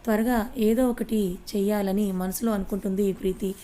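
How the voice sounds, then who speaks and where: A woman storyteller reading an audio love story aloud in a steady, even way. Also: mid-range voice, normal speed, a little hiss or hum. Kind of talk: scripted story narration.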